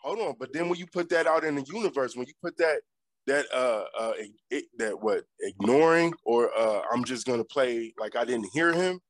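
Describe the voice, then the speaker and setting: A man's voice: medium pitch, expressive, moderate pace, dry recording. A man hosting a radio talk show, jumping in with counterpoints and telling stories in a loose, casual way. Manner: argumentative, interjects, laughs often. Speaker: radio host.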